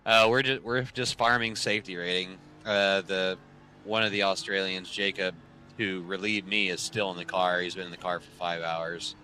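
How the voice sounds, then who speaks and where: A man in his thirties with a low, deep voice talks casually to his stream viewers from his home racing rig. His tone is bright and forward, and he rambles through the story with plenty of fillers and dry sarcasm. A faint hum sits behind him. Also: fairly even intonation, moderate pace. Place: home sim racing setup.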